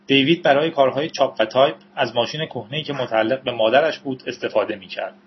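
A man reading a novel aloud as an audiobook narrator, in steady storytelling with the odd aside to listeners. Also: mid-range voice, muffled recording, a little hiss or hum.

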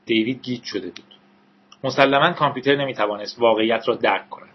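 A man reads a story aloud in a steady, dramatic narrating style. His voice has a husky grain, and the recording sounds dull and lo-fi. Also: medium pitch.

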